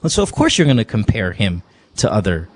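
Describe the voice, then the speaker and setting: This radio advice host has a fairly low voice that swings widely in pitch, and he talks briskly. Fielding callers in a relaxed advice chat, he jokes around, speaks frankly, and slips in Tagalog words.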